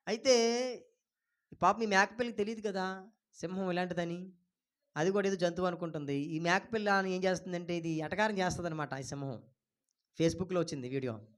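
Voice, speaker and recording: A male pastor with a Telugu accent preaching a sermon, moving between loud exclamations and soft low asides.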